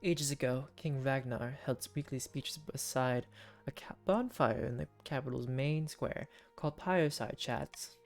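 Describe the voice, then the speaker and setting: A woman voicing a deferential royal advisor in a fantasy game, speaking in a slow, formal, theatrical manner. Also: rumbling low, faint music behind. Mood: grave, deferential. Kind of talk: theatrical fantasy game dialogue read aloud.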